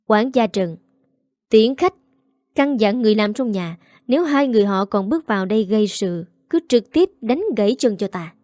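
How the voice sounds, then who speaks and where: This is a cold matriarch of a wealthy household in a spoken story, read by a woman. She is contemptuous and domineering, with a dark, mellow tone in a dry recording. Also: mid-range voice, expressive, normal speed, no room sound, close to an everyday voice. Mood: scornful. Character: cold, haughty rich matriarch, older woman.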